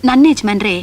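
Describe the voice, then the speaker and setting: An actress playing Jaya, a frank, worldly woman who lectures her friend bluntly in a 1990s film drama. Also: sits high. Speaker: film character.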